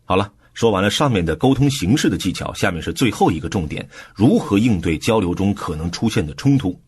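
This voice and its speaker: A man narrating a book summary for an audiobook in a relaxed, explanatory way, with soft filler particles. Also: lowish voice, fairly quick, breathy edge.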